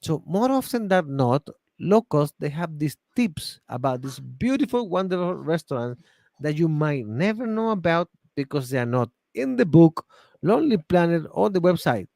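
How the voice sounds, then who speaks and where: A man with a Chilean accent leads an online English class over a video call, upbeat and encouraging, slowing down so learners can follow. His voice sits a little higher than most men's. The recording is dry and close, with no room echo. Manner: animated, encouraging, slow and clear for learners. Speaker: English teacher.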